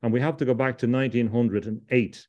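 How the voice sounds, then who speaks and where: A man's voice: medium pitch, fairly even intonation, quick pace, darkish tone, lo-fi sound. A middle-aged man from Ireland, a podcast guest, talking at length in a discursive way, often repeating words and restarting his sentences. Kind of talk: discursive interview talk.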